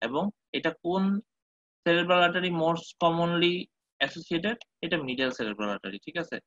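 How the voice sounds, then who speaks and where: A man gives a medical lecture in a bright, forceful voice pitched a little high. He keeps stopping to check that his students follow and slips English terms into his explanations. The sound is dry and close, with a slightly dull tone. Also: lively intonation, moderate pace, no echo. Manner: mixes English terms, checks in with listeners often.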